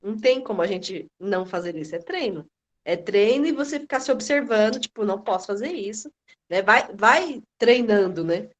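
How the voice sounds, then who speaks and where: A woman chatting casually as a course participant on a group video call, lively and acting out the conversations she recounts. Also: medium pitch, moderate pace. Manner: lively, acts out quoted dialogue. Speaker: course participant sharing her experience.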